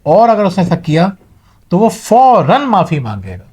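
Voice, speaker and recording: A man's voice: high-pitched, wildly swooping pitch, darkish tone, husky. A middle-aged man giving a motivational talk to viewers, earnest and advising, mixing in English words. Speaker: motivational speaker.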